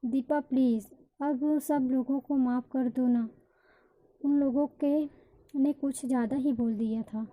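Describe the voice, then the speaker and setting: A young college man who coaxes his girlfriend gently, voiced by a woman reading the story. The voice is dark and mellow yet pitched fairly high. He speaks at a slow pace. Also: steady tone, rough recording. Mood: coaxing.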